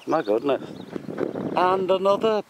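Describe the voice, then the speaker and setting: This British man has a high, sing-song voice and keeps chuckling at his own expense as he metal detects, chatting in a relaxed, self-deprecating manner. He's filmed outdoors on a handheld camera atop a windy building-site spoil heap, wind audible throughout.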